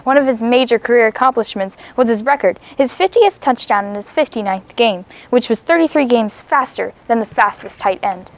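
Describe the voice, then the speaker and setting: A woman's voice: a little high, brisk, hardly any pauses. A teenage female student co-anchor reading mock newscast copy earnestly, with occasional stumbles. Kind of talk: mock newscast read from a script.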